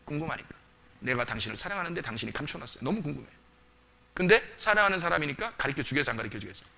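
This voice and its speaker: A male pastor delivers a lively sermon at a quick clip. His voice sits a little high, with a bright, gravelly texture. He keeps asking the congregation questions and acts out the voices he quotes.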